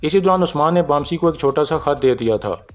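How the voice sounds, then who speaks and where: A man with a Pakistani Urdu accent retells a drama episode in steady scripted narration. His voice sits a little high for a man, and soft music plays faintly behind him. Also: brisk. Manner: steady storytelling, reads out characters' lines in his own voice. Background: faint background music.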